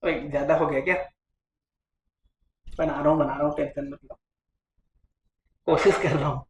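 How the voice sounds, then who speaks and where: A man's voice: fairly high pitch, steady tone, moderate pace. A man teaching a physics lecture to a class, coaxing and quizzing his students all the time. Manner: coaxing, keeps asking the class questions. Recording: echoey classroom with faint noise.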